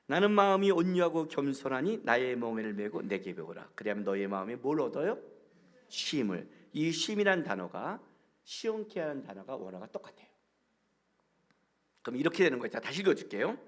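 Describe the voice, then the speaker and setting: A man's voice: medium pitch, fairly quick. A middle-aged male pastor giving a guest sermon, telling stories and acting out bits of dialogue. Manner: animated storytelling with acted-out dialogue.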